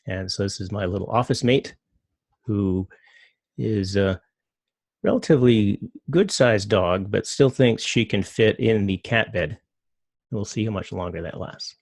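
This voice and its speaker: Middle-aged man, casual presentation, low voice, gravelly edge, relaxed rambling delivery. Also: measured pace, no room sound, clean studio sound. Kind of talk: casual talk with slides.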